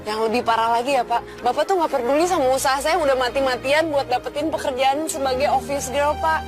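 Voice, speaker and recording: Actress doing cheeky young working girl in a tv drama, real high voice, blunt, music playing. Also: brisk, close to an everyday voice. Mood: reproachful. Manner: blunt, chatty, colloquial. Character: cheeky, outspoken, pleading young working-class woman. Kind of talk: TV film drama acting.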